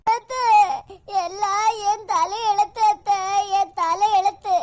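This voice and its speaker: A woman voicing a weary young wife with a Kanyakumari Tamil accent in an animated cartoon, lamenting slowly. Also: very high-pitched, slight background noise. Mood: mournful. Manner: slow, mournful lament.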